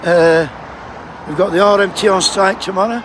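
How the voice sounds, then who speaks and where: Speaking at a normal speed, this man has a high-pitched voice with fairly even intonation and a Yorkshire accent from Sheffield. As a striking postal union picketer, he chats and jokes with people going by, swearing freely and feeling the cold. Busy roadside traffic roars behind this casual outdoor vlog.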